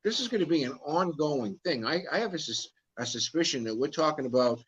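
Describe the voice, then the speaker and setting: A man's voice: fairly high pitch, expressive, brisk, a bit bright, muffled recording, slight background noise. A man co-hosting a live Q&A, talking to viewers in a folksy, emphatic way. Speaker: co-host of a live Q&A, nonprofit organizer. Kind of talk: casual live-stream talk.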